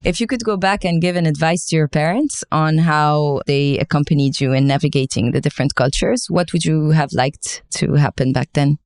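A woman hosting a podcast, asking gentle, curious interview questions. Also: low-pitched, normal speed, few pauses, no echo, clean studio sound. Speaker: podcast host.

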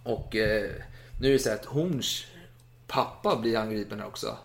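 A man casually retelling a historical story in a podcast chat, with lively retold quotes. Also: fairly low pitch, gravelly. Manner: animated retelling with acted quotes and laughs.

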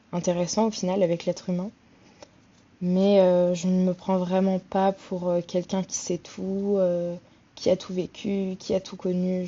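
Full of fillers, hesitations and restarts, a French woman in her twenties chats casually on her solo podcast. She has a fairly low, warm voice, and the sound is lo-fi.

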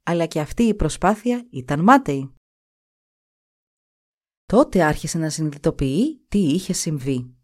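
A woman narrating a fairy tale in an expressive, animated way. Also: low voice, long pauses. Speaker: storyteller.

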